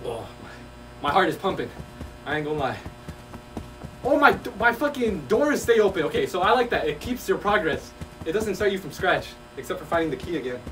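A man's voice: sits high, a little fast, faint music behind. A young man commentating a VR horror game, swearing, trash-talking and yelping whenever he gets scared. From Mexico. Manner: excitable, swearing, yelps when scared, slangy trash talk. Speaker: gaming streamer. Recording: distant-sounding mic with noticeable background noise and hum.

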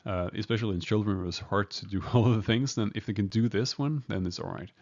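A man with a gravelly, fairly low voice gives a casual medical teaching talk, stopping and restarting often with plenty of ums. The recording sounds dull and lo-fi. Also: fast, a little mellow. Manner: hesitant, many fillers and restarts, chuckles at himself. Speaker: emergency medicine lecturer. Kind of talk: informal medical lecture.

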